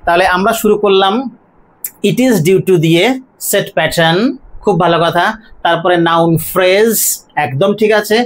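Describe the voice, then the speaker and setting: Teacher drilling pronunciation. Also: mid-range voice. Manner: repeats words slowly and deliberately to drill pronunciation; poses questions to the viewer, then answers them. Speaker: English teacher. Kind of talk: online grammar and pronunciation lesson.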